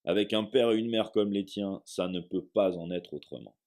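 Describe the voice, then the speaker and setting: A man reading aloud, voicing a huge, hot-tempered male half-giant groundskeeper with booming outbursts. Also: moderate pace, darkish tone, natural voice.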